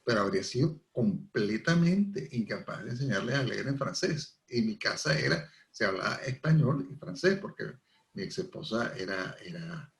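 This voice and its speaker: A man's voice: mid-range voice, lively intonation, normal speed, gravelly. Venezuelan guy on a radio show, lecturing with examples, kind of echoey studio sound. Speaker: guest language professor. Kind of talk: radio interview. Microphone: radio studio microphone.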